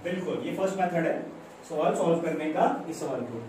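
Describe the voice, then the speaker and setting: A high-pitched Indian man with a mellow tone walks through a maths lesson step by step, firing little questions at his students. The room echoes heavily and the mic sits well away from him. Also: brisk. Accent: Indian English mixed into Hindi. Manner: explains step by step, repeats phrases, coaxes students with questions. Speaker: maths teacher. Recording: very echoey room, mic far off, faint background noise.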